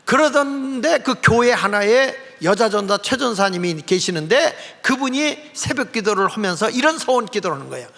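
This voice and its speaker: A male pastor telling a story in a sermon, animated and acting out the characters' voices. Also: high voice, normal speed, creaky, hardly any pauses, long reverb tail. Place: church sanctuary.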